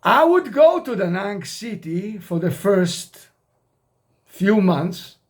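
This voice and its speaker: A man's voice: high-pitched, sing-song, slow. A man in his sixties who grew up outside America, talking casually to camera as an expat vlogger, rambling and direct, with non-native grammar. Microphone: camera mic.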